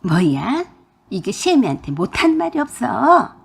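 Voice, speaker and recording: A woman's voice: fairly high pitch, big pitch swings, unhurried, vocal fry, slightly rough, full character voice. A woman voicing a pushy, scheming older mother-in-law who scolds and demands, in a storybook radio drama. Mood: scolding.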